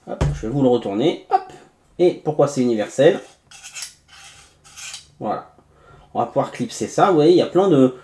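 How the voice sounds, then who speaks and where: In an echoey room with faint background noise, a man with a mellow, medium-pitched voice hosts a casual unboxing review. The tech reviewer chats freely, using many fillers and making asides to his viewers.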